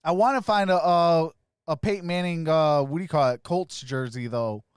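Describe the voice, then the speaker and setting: A man hosting a sports live stream, casually greeting viewers by name and giving shout-outs as he reads their comments. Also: a little high, moderate pace, clean tone, no room sound, studio quality.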